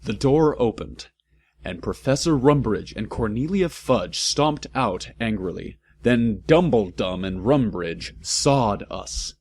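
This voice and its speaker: A man narrates clumsy fan fiction in a slow, mock-serious delivery. His pitch sits in an ordinary middle range. He reads every mistake as written and drops in comic asides of his own. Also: animated, a little mellow. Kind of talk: comic dramatic reading with asides.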